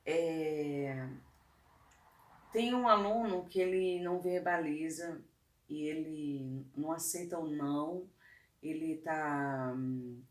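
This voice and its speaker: A woman's voice: sits low, slow, long pauses. A woman teacher and clown artist chatting casually, telling classroom stories with lots of tag questions. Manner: storytelling, conversational, frequent tag questions. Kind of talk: casual talk about teaching. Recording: roomy room, distant mic.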